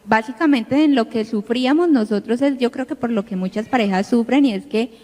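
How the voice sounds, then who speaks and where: A woman's voice: fairly high pitch, brisk, dark tone. A woman, the pastor's wife, recalling their courtship in a hesitant, filler-heavy way. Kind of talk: casual personal account. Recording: long hall-like reverb.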